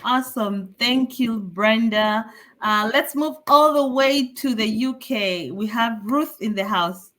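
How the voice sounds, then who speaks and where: Woman from Uganda hosting a live online show, upbeat and welcoming, fairly high voice. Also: slow, fairly bright tone. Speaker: host.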